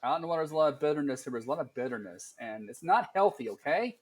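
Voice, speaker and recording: A man's voice: on the high side, expressive, very fast, slight background noise. A man co-hosting a casual podcast, wry and self-deprecating, hesitating with many ums. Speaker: podcast co-host.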